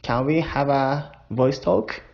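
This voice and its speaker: This is a tipsy language learner with a Japanese accent, chuckling through a casual voice diary monologue. He speaks at a medium pitch with a creaky, slightly mellow quality, slow, deliberate and playful, and the lo-fi audio sounds dull.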